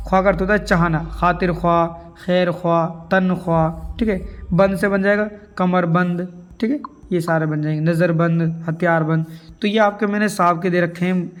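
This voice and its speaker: A man teaching a grammar lesson for an exam, asking questions and answering them himself while writing on a board. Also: on the high side. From India.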